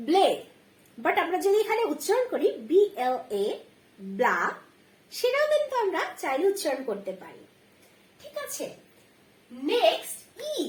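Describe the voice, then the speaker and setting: Slow, lively woman teaching kids phonics. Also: extremely high pitch. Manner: spells out letters slowly, then sounds each word. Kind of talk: children's phonics lesson. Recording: roomy echo.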